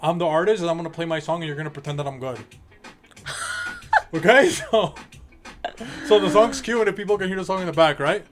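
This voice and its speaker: A woman's voice: fairly low pitch, brisk, pauses often, music in the background. A woman co-hosting a casual comedy talk show, teasing and laughing often, putting on joke voices. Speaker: podcast co-host.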